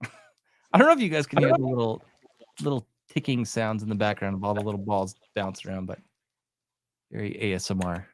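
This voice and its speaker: A man's voice: on the low side, animated, brisk, no room sound. A man hosting a live stream, chatting casually and laughing at himself. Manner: laid-back, self-mocking, laughs often. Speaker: stream host.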